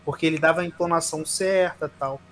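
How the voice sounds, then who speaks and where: A man with a fairly high voice, co-hosting a podcast in a halting, casual way and often breaking off mid-sentence. A faint hum sits under his voice. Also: fairly even intonation, fairly bright tone. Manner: hesitant, restarts often, trails off with "sabe?". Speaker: podcast co-host. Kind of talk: casual chat.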